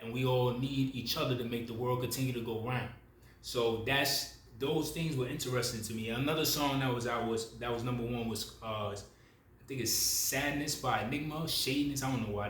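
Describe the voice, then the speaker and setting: A man's voice: medium pitch, fairly bright tone, echoey room. A man, talking casually and rambling to the camera as a spiritual video creator. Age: 30s. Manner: loose, rambling, self-correcting, slangy and familiar.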